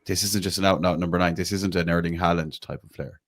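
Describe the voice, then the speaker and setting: An Irish podcast host with a low voice and fairly even intonation talks fast, chatting casually about football for fans. He says "like" constantly and lets the odd swear word slip.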